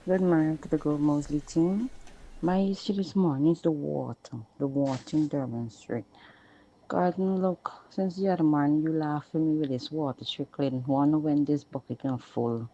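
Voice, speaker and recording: A recorded voice message from a woman with a Guyanese accent, played on the radio. Her voice sits low and mellow, and the phone recording sounds dull and lo-fi. She complains in a blunt, plain-spoken way. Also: normal speed. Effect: recorded voice message played on air. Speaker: caller sending a voice note. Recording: dull, lo-fi voice note.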